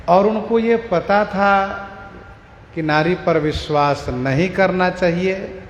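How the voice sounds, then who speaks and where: High-voiced man expounding scripture in a hall. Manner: slow, measured explaining of verses, repeating lines for emphasis. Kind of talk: devotional scripture discourse. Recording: echoey hall with long reverb and faint noise.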